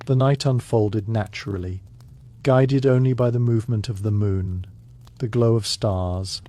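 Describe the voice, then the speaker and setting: Male narrator for sleep history: mellow, very slow, monotone reading with barely any word stress. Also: mid-range voice.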